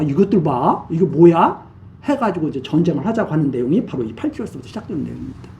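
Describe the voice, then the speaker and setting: Man preaching with lively, animated delivery. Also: high voice, distant mic, slight background noise. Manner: retells scripture in casual speech, acting out kings' lines. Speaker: pastor. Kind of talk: sermon.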